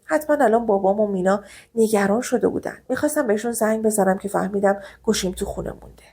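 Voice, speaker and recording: A woman's voice: mid-range voice, mellow, husky. A woman narrating a first-person audio story in an emotional, intimate way.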